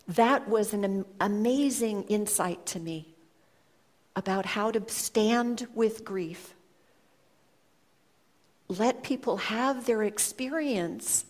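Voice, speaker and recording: A woman speaks to an audience in a reflective storytelling talk. Her delivery is unhurried and earnest, with measured pauses between thoughts. Her voice sits at a mid pitch. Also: darkish tone. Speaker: speaker sharing a personal story.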